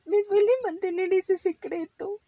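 A woman's voice: very animated, moderate pace, no room sound. A woman voicing a little boy rabbit who fibs, stammering and pleading in a storybook read-aloud. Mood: remorseful. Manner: stammering, pleading and high-pitched. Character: fibbing little boy bunny, guilty and nervous.

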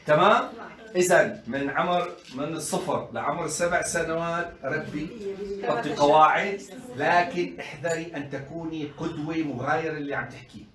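A man giving an animated colloquial lecture on parenting to mothers, full of rhetorical questions and acted-out quotes. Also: a little high, normal speed. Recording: echoey room, voice from a distance.

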